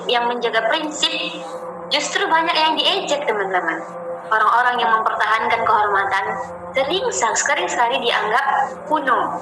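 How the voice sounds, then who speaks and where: High-voiced woman giving a religious talk. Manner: gentle, repeats phrases, often addresses listeners as friends. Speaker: ustadzah leading a religious study session. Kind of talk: informal Islamic study talk. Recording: roomy sound with music playing behind.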